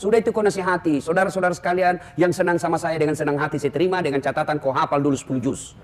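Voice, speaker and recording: A man's voice: on the high side, fairly even intonation, very fast, a little hiss or hum. A male Islamic preacher with a Ternate Malay accent, giving a humorous sermon and talking straight to his audience. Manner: joking, addresses the audience directly.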